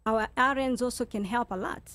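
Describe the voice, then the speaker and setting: A woman's voice: on the high side, a little fast, fairly bright tone. A woman with a Kenyan accent speaking as a guest in a talk show discussion, making her points emphatically and repeating phrases. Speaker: guest speaker, nurse leader.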